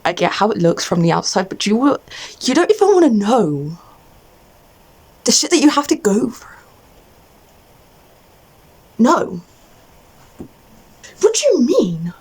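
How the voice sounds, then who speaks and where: A woman's voice: on the high side, very animated, measured pace, pauses often, a little mellow, slightly rough. A young adult woman in an agitated, exasperated rant to camera, venting off the cuff in a casual way and often cutting herself off. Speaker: vlogger.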